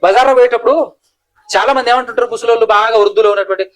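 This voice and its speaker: Man, preacher, high-pitched, fiery scolding sermon, rhetorical questions. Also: racing.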